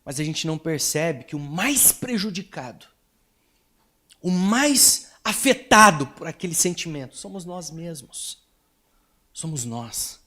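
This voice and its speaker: A male pastor with a Brazilian accent preaching a sermon in an emphatic, animated storytelling manner. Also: fairly high pitch, measured pace.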